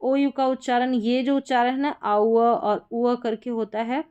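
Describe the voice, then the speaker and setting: A woman's voice: fairly high pitch, little pitch movement, measured pace, a little mellow, smooth, lo-fi sound. A woman with an Indian accent teaching English pronunciation, explaining rules patiently and reading word lists aloud one word at a time. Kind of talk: explaining lesson.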